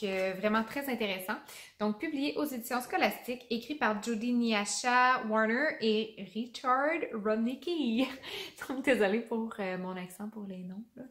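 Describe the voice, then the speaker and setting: Québécois lady gushing about kids' books, chatty, trips over names, echoey room. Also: medium pitch. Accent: Québécois French. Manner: chatty and enthusiastic, stumbles on names. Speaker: teacher reviewing children's books. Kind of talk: casual book review vlog. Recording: roomy echo.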